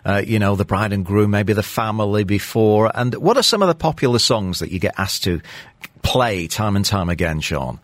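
A man's voice: fairly low pitch, animated, normal speed, no echo. A man hosting a casual interview, asking questions in a conversational style. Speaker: radio interviewer, host.

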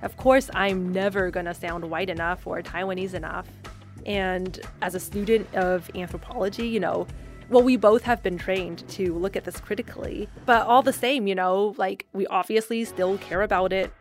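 A woman in her thirties telling personal anecdotes in a casual, animated, wry way. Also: mid-range voice, normal speed, soft background music. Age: 30s.

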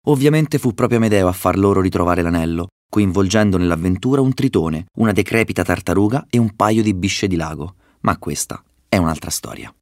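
Deep-voiced Italian storyteller. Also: male voice, no room sound, studio quality. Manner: measured, storytelling. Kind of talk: scripted fable narration. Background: faint music.

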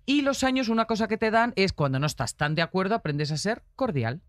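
A woman's voice: mid-range voice, fairly quick, dry recording, studio quality. A woman, a guest telling stories with assurance and playful energy. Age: 40s. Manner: assured storyteller, animated and playful. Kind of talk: casual chat.

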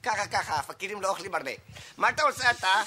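An actor playing a fond, pleading Indian restaurant owner who is a friend of Rambo, in an archive TV comedy sketch. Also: male voice, high-pitched, animated, sharp tone, a little hiss or hum, full character voice. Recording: archive TV sketch with music behind.

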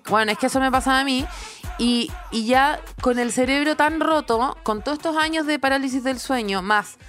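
A Chilean woman in her thirties co-hosting a casual chat, telling stories in an animated, laughing way. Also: high-pitched, moderate pace, soft background music. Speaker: podcast co-host.

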